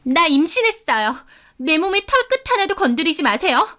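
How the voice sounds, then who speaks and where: A woman's voice: drawn-out words, sharp tone, clear, resonant tone, heavily acted. A woman voicing a brazen, pregnant young woman who sneers at her rival in a narrated story. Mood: shrill defiant. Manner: sneering, shrill and defiant. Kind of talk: storybook character voice.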